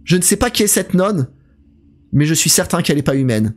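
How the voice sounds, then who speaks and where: A man's voice: on the high side, sing-song, brisk. Chatty man commentating a horror game. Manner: chatty, talks straight to his viewers; reacts aloud to scares. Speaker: horror game let's player. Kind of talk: live gameplay commentary.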